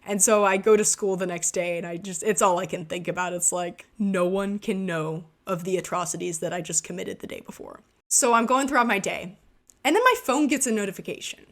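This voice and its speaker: A woman gaming vlogger narrates her gameplay while telling an embarrassing story in a casual, self-deprecating way. Her voice is medium-pitched and a little fast.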